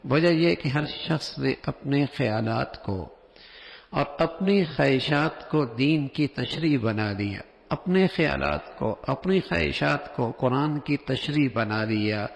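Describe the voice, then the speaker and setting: Gravelly male preacher in a reverberant hall. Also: mid-range voice. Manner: explanatory, acts out example phrasings. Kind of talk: sermon.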